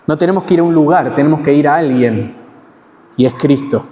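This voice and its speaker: A man with an Argentine accent preaching an expository sermon in a measured, teaching way, pausing and correcting himself now and then. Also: fairly high pitch, lo-fi sound, a little hiss or hum. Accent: Argentine Spanish. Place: church hall. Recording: long church hall reverb.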